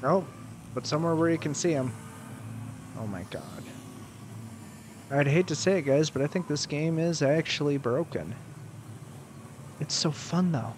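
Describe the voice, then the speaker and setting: A man's voice: fairly high pitch, expressive, unhurried, long pauses, background noise. A man giving casual commentary while he plays a video game, exasperated and swearing as he talks to his viewers. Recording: game sound playing loudly under his voice.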